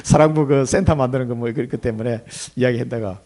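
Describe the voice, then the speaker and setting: A man's voice: medium pitch, fairly quick, a little mellow. A middle-aged male pastor giving a conversational sermon, telling stories with chuckling asides.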